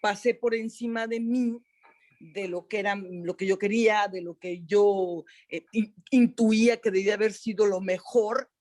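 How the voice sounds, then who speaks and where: A woman, a mother, reflecting in a measured way during an online group session over a video call. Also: medium pitch, steady tone, darkish tone. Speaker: workshop participant.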